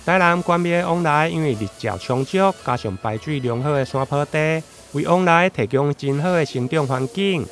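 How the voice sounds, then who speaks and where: A man's voice: fairly high pitch, normal speed, few pauses, fairly bright tone, faint music behind. A man with a Taiwanese accent reading scripted news narration as a TV reporter.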